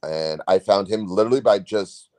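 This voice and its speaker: A man in his forties talks on a podcast in a low voice, recorded dry and close. He rambles through his story, acting out both sides of each conversation, and laughs often. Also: normal speed, warm tone, dry recording. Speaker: guest comic writer. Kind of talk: casual podcast chat.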